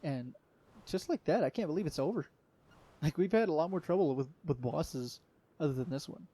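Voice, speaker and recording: A man's voice: a little high, lively intonation, brisk, mellow. A young man giving rambling, easygoing commentary over a solo game playthrough, with lots of fillers and restarts. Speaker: let's play commentator. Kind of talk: casual solo gameplay commentary.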